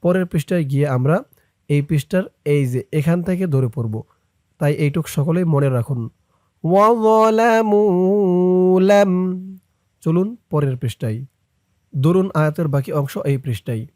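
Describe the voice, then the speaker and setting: A man with a Bangladeshi accent teaches Quran reading, breaking words into letters and reciting them slowly and drawn out. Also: mellow, dry recording, clean studio sound. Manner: spells out letters, then recites drawn out and higher. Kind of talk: slow syllable-by-syllable recitation lesson.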